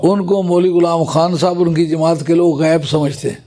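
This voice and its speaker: A man giving a scholarly religious talk to a gathering, explaining points patiently and reciting Arabic phrases slowly. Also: fairly high pitch, little pitch movement, over a noisy crowd.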